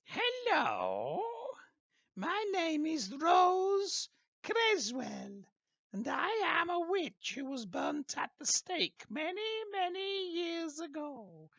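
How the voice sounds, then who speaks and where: A creaky cackling witch ghost. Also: huge pitch swings, a bit bright, no echo, exaggerated voice. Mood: ominous. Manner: slow, theatrical swoops between high and low. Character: ghost of an old burnt witch, eerie and gloating. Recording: dull muffled recording.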